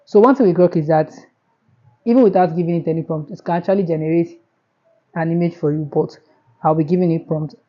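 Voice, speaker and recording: Nigerian-accented woman, chatty tutorial host, slightly low voice, dull lo-fi sound. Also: a little fast, long pauses. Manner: chatty, repeats herself, step-by-step. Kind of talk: casual screen tutorial.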